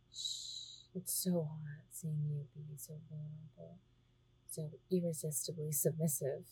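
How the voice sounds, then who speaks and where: Breathy low-voiced woman in hushed roleplay. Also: dry recording, low-quality recording. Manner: teasing, slips between soft talk and whispers. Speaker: audio roleplay performer. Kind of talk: intimate ASMR roleplay.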